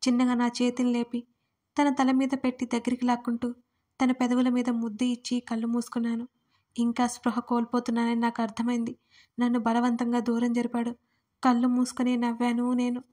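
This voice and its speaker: Woman narrating a romance story softly. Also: a little high, monotone, brisk. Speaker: writer and narrator. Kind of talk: first-person romance audio story narration.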